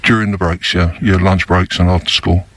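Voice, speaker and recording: An older man's voice, disguised and pushed very low, gives an interview for a news report. It stays dull and level, barely rising or falling. He talks slowly, pausing and filling gaps as he recalls events. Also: flat delivery, fairly bright tone, no room sound. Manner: slow, halting, with many fillers. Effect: disguised voice, pitched down deep. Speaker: former undercover police officer.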